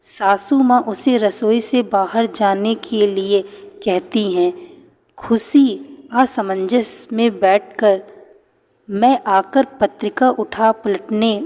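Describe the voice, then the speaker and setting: Slow, mellow woman narrating a story. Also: medium pitch. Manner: slow, gentle storytelling with voiced dialogue. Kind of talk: scripted narration of a family story. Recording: long hall reverb.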